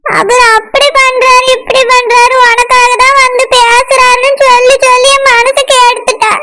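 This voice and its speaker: A woman voicing a tearful, lovesick young woman in a cartoon, sobbing through slow, whiny lines. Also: extremely high pitch, level tone. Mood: weeping. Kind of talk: cartoon voice acting.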